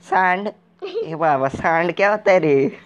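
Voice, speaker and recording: For a gaming video, a man plays a clueless, excitable, uneducated wanderer in comic in-character commentary, sounding baffled and jittery. He ends nearly every line with a drawn-out "re baba," jumpy and naive. His voice is on the high side and natural, with the highs cut off.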